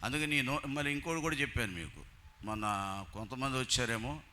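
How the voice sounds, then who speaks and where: A man's voice: medium pitch, brisk, pushed and bright, slight background noise. A man preaching a sermon in church, telling anecdotes and acting out the people he quotes.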